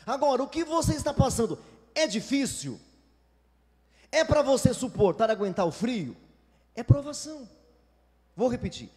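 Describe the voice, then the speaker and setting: A man's voice: extremely high pitch, big pitch swings, moderate pace, pauses often, a little mellow, in a large hall. A Brazilian man preaching a sermon as a pastor, emphatic, sometimes acting out whiny complaining churchgoers. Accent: Brazilian Portuguese.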